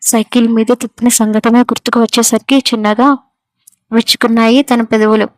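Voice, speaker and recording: A woman narrates a story in a steady, even reading style. Her voice is fairly high and stays flat in pitch. The recording is close and dry. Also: a little fast, dry recording.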